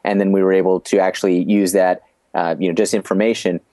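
In a podcast interview, a man with a very low, dark voice shares stories of his business experience, flat and measured as he explains. He regularly restarts phrases before getting to his point. The sound is close and dry, with no echo.

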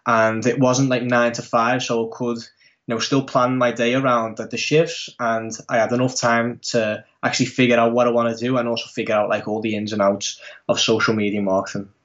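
Young English-accented man, flat delivery. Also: medium pitch, brisk, muffled recording. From Netherlands. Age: 20s. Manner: rambling, many fillers and restarts. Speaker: podcast guest. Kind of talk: casual interview talk.

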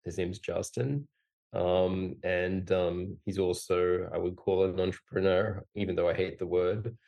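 A man's voice: low voice, steady tone, a little slow, vocal fry, mellow, muffled recording. A man in his forties, an Australian-born company founder, speaking as a podcast guest in a rambling, casual way with self-deprecating humor. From Australia, raised in Singapore and Hong Kong. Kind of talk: casual conversational interview.

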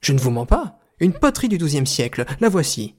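A man voicing an excitable middle-aged male director who makes insistent exclamations in a comedy audio serial. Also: a little high, normal speed. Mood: excited.

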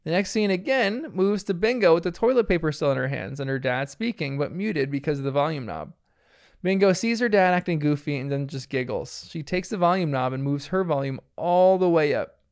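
A man's voice: a little high, animated, brisk, a little mellow, smooth. A man casually recapping a cartoon episode, often laughing as he retells the scenes.

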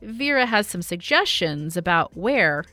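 A woman reporter reading a scripted radio news feature in a measured way. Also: fairly low pitch, sing-song, pushed and bright, faint music behind. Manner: measured, clearly read voice-over.

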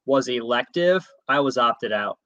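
A man's voice: mid-range voice, animated, a little slow, fairly bright tone, no echo, muffled recording. A man co-hosting a casual podcast, talking in a thoughtful, reflective way.

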